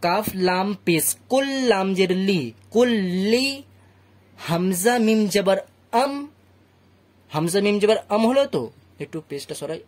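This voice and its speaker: A man's voice: high voice, lively intonation, measured pace, a little mellow. Patient Bengali man teaching Quran reading. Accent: Bangladeshi Bengali. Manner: patient, spells out letters and vowel marks, often asks "ঠিক আছে?". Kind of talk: slow syllable-by-syllable recitation lesson.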